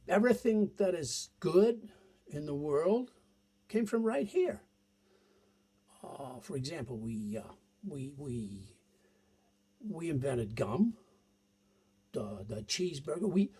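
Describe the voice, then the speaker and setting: A man's voice: a little high, warm tone, breathy edge. A man giving an exasperated comedic monologue with sing-song emphasis.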